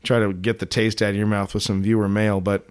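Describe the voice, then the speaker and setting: A man's voice: lowish voice, level tone, a little fast, smooth. A man co-hosting a podcast in casual comedic chat, joking and laughing often, with frequent restarts. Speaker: podcast co-host.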